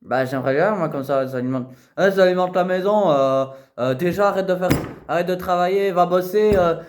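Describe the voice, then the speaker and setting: A man voicing an exasperated middle-aged mother who stumbles and hesitates as she scolds, recorded in an echoey room. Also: close to an everyday voice. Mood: lecturing. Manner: low, halting, full of hesitations.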